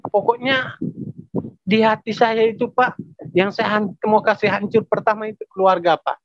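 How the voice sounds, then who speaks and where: A man with a Papuan Indonesian accent giving an emotional personal testimony, talking in halting phrases that repeat and often address the listener as sir. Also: sits high, no echo, lo-fi sound. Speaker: testimony giver.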